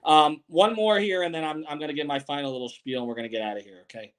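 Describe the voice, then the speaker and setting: A man's voice: a little high, quick pace, clean tone. A man in his forties hosting a sports podcast. He reads viewer comments and speaks bluntly and emphatically, with some swearing. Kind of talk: live-streamed sports podcast chat.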